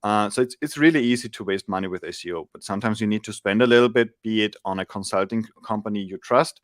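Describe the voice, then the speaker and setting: In a casual video-call interview, an Austrian SEO agency founder in his forties explains things thoughtfully as the guest, often restarting. He speaks fast in a fairly low voice, recorded indoors in a home room on a large arm-mounted studio mic, studio quality with no echo.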